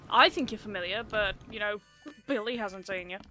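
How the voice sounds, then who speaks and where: A woman's voice: medium pitch, normal speed, bright, forceful tone, faint music behind. A woman giving casual, sarcastic let's play commentary as she plays a video game, with blunt asides.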